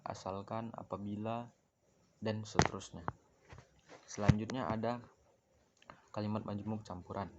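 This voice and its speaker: Flat-voiced young man reading a lesson. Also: on the low side, lo-fi sound, very noisy. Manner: reads steadily from notes, with small stumbles and self-corrections. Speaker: student presenting a class assignment. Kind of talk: read-aloud lesson on grammar.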